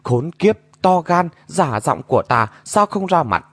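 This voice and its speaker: A man voicing an imperious female martial-arts sorceress who barks commands and shouted questions. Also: mid-range voice, big pitch swings, moderate pace, husky, no room sound. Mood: angry demanding.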